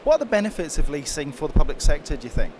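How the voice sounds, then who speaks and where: A man with a fairly high voice hosts an interview at an outdoor event, asking quick questions with a light, teasing touch. Faint background noise carries behind him. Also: very animated. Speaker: interviewer, host.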